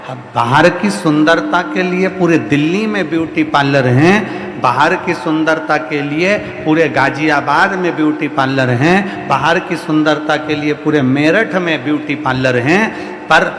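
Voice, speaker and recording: A man's voice: on the high side, a bit bright, a little hiss or hum. Man preaching, rhythmic repeated refrains. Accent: Hindi, central Indian. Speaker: kathavachak preacher. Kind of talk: devotional sermon to a large crowd. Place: large outdoor or hall religious gathering. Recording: echoey hall, long reverb, faint music.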